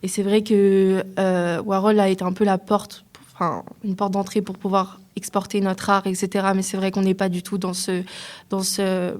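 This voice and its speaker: Male artist played by a woman, improvised radio role-play, flat even delivery, hesitant. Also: mid-range voice, normal speed, close to an everyday voice. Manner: hesitant, many fillers. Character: male artist Basquiat recalling his past. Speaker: student role-playing an interview.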